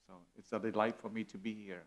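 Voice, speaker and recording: A man's voice: fairly low pitch, little pitch movement, fast. A middle-aged man from Vietnam, preaching an earnest sermon as a guest speaker on a church stage. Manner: earnest, warm, gesturing as he preaches.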